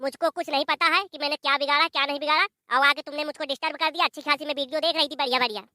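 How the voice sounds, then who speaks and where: A woman's voice: high voice, fairly even intonation, racing, sharp tone, dry recording, studio quality. A woman doing a sassy defiant daughter-in-law. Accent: Bundelkhandi Hindi. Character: sharp-tongued young daughter-in-law, phone-obsessed.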